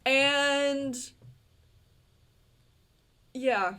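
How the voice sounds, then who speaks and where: A young adult woman, a podcast guest, chatting casually and excitedly, swearing now and then. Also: high-pitched, extremely slow, a little hiss or hum. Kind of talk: casual chat.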